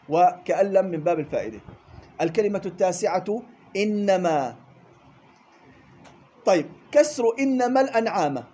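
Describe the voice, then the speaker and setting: A man's voice: high voice, warm tone, breathy edge. A man teaching a classroom lesson on Quran recitation rules, explaining step by step, repeating key points and checking with his students. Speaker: tajweed teacher.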